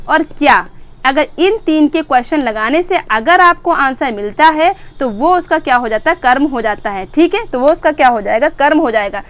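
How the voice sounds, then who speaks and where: A woman's voice: sits high, a bit bright. A woman teaching an exam-prep grammar lesson, asking questions and answering them herself and repeating key words.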